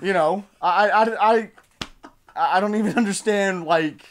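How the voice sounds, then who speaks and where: A man casually retelling a road-trip story, animated and profane, often laughing. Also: sits high, measured pace. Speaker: show regular.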